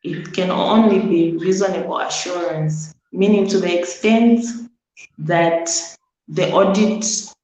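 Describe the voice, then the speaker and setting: A woman answering quiz questions as a student, tentative and pausing on "um", heard from a distance in a very echoey room. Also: on the low side, a little mellow, lo-fi sound.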